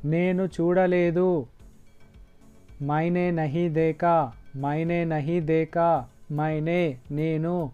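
Slow, deliberate male Hindi teacher. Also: fairly high pitch, steady tone, clear, resonant tone, muffled recording, soft background music. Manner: repeats each phrase slowly and deliberately. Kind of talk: slow language lesson, repeating phrases.

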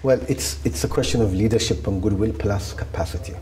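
Speaking through a lapel mic on an indoor studio set, this Ethiopian regional director of a development bank, a man in his fifties, answers policy questions as a guest from a wicker chair. His lowish voice stays deliberate and steady, though he restarts repeatedly, over slight background noise.

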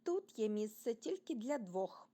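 A woman doing a loud playful winged critter. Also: on the high side, big pitch swings, a little slow. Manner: loud, exclaiming. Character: playful small winged creature, boyish and loud.

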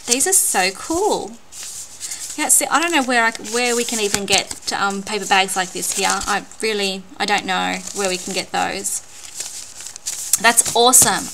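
An Australian woman unboxing a craft gift on her vlog, gushing and excitable, often repeating words. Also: medium pitch. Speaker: craft vlogger. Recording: noisy home recording.

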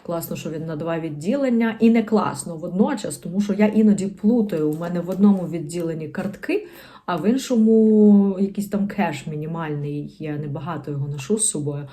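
A woman's voice: lowish voice, fairly quick, mellow. A woman beauty vlogger in a casual show-and-tell chat to camera, chatty and rambling with slangy asides.

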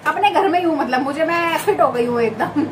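A young woman from Uttarakhand talks to a camera set up in her kitchen as she cooks. She rambles chattily, with plenty of filler words, in a fairly high voice. Faint noise hangs behind her. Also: animated, a little fast. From Uttarakhand, India. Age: young adult. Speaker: vlogger. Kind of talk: casual chat while cooking. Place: home kitchen beside a window onto a busy highway. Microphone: fixed camera placed in the kitchen.

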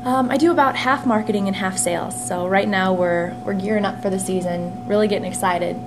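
A young woman in her twenties chatting in a casual interview about her work, upbeat and quick to laugh, recorded close on a handheld camera in a small locker room. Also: medium pitch. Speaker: interviewee, team sales and marketing staffer. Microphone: camera phone held close at arm's length. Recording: noisy room with steady hum.

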